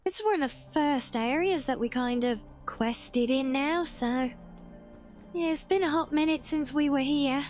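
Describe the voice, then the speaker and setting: A woman's voice: sits high, measured pace, a little mellow, faint music behind. A woman giving casual, rambling game commentary, thinking aloud as a streamer.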